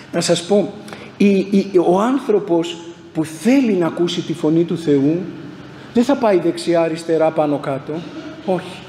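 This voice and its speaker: A male priest with a high-pitched voice delivers a sermon, asking questions and answering them himself, stacking up repeated phrases for emphasis. His voice rings through a large, echoing church with a long reverb tail. A faint hum sits behind him. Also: mellow. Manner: rhetorical, asks and answers his own questions; builds emphatic repeated lists. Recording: echoey church hall, faint background hum.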